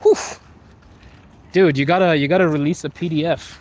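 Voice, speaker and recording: His voice is a little high and darkish in tone, with fairly even intonation and a moderate pace. A young man from Zimbabwe, he's livestreaming from a phone held while walking a wet street at night, relaxed and playful as he reads comments, laughs often, and teases viewers.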